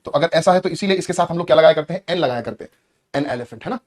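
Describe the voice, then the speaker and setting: तेज़ बोलने वाला शिक्षक, व्याकरण पाठ. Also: male voice, fairly high pitch, rapid-fire. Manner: explains patiently, often asks the class questions. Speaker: English teacher. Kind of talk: classroom grammar lesson.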